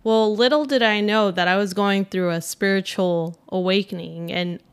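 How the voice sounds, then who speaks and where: A woman's voice: medium pitch, steady tone, moderate pace, clean tone. Woman in her 30s, medium voice, chill chatty co-host, keeps drifting off mic. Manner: easygoing, laughs often, drifts from the mic. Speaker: podcast co-host. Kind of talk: casual chat.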